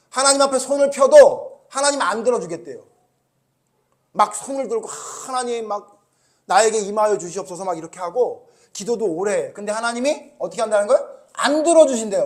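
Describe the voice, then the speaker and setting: A male pastor delivers a Sunday sermon in a rather high voice. He peppers the congregation with rhetorical questions and swings from raised, scolding emphasis to low, hushed asides. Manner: animated preaching, rising loud when scolding, dropping low and quiet.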